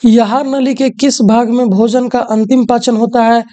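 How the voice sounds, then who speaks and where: A woman's voice: a little high, fairly even intonation, moderate pace, mellow. A woman teacher, walking through exam questions and often asking the students rhetorical questions.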